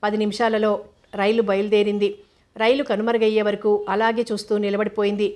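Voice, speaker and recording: A woman narrating an audiobook novel in a steady, unhurried reading. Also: mid-range voice.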